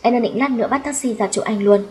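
A woman voicing a gentle, soft-spoken young woman who talks politely, in an audiobook reading. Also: a little high, fast, a little hiss or hum, lightly acted.

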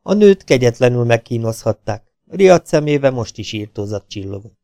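A man with a Hungarian accent reads an audiobook aloud in an even, measured way. His voice is dark and mellow, at a middle pitch. The close recording is dry, with no room sound. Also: dry recording. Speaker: audiobook reader. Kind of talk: audiobook narration.

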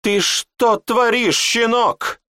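A man's voice: on the high side, normal speed, fairly bright tone, no room sound, clean studio sound, pitched above the performer's own voice, close to an everyday voice. A man playing a shrieking tyrant mage. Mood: raging. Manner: screaming, spitting insults. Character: furious shrieking old male mage, cruel tyrant.

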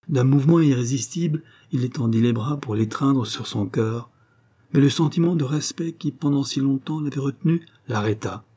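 A man narrating a classic novel as an audiobook, with a measured, expressive reading. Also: medium pitch, husky.

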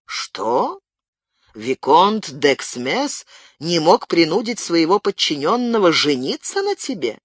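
A man voicing a stern, proud townsman in an audiobook, speaking in a clipped, forceful way. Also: a little high, very animated, slow pace, breathy edge, dry recording, studio quality, heavily acted. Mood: bitter. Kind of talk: audiobook character voice.

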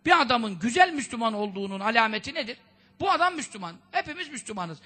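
Fast-talking with big pitch swings and a sharp tone, a preacher with a strikingly high, ringing voice delivers a conversational religious sermon. He keeps scolding his listeners with rhetorical questions and slips in Arabic sayings.

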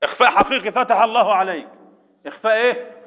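High-voiced man with Egyptian accent, quick-fire classroom questions, echoey hall, dull lo-fi sound. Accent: Egyptian Arabic. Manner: quizzes students with rapid repeated questions, chants verses slowly. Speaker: Quran recitation teacher. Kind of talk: classroom tajweed lesson.

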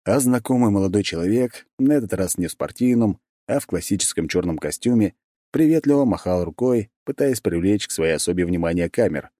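A man reading an audiobook as narrator, with expressive storytelling. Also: lowish voice, brisk, no echo, studio quality. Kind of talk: scripted narration.

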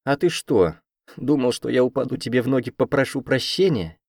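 A man voicing a feisty young woman student with a sharp, mocking tongue, in an audiobook. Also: mid-range voice, expressive, a little fast, no echo, clean studio sound, voice pushed up. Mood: defiant, mocking. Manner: mocking, combative.

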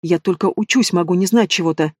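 Shy polite young healer apprentice guy, man reading, kinda high voice, dry. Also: fast talker, a little mellow, no echo. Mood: earnest. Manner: polite, apologetic. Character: young male healer's apprentice, humble and careful.

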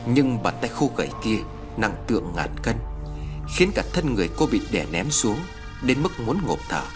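A man's voice: medium pitch, sing-song, moderate pace, over music. A man narrating a horror story in a scripted, dramatic storytelling style.

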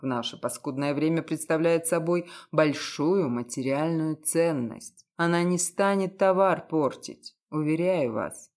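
A woman doing a low, mocking detective man. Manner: mocking, condescending, unhurried. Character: cynical, self-assured male private detective.

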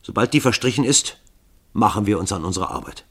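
A man's voice: lowish voice, lively intonation, a little fast, fairly bright tone, slightly rough, exaggerated voice. A man reading a novel aloud, voicing the formal, courteous spokesman of a group of assassins. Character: formal male spokesman of a band of killers.

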